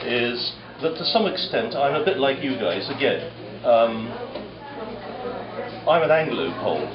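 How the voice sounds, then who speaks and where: A man's voice: mid-range voice, animated, unhurried. A man from the UK with a British accent, giving an informal, self-deprecating and wordy introduction of himself to a group. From United Kingdom. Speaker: government advisor. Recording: echoey, muffled room with crowd noise.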